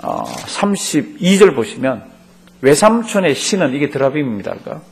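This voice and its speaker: Animated higher-voiced male pastor teaching. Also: moderate pace. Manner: animated, acts out quotes and quizzes the class. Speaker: pastor teaching a Bible course. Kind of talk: Bible study lecture. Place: church classroom.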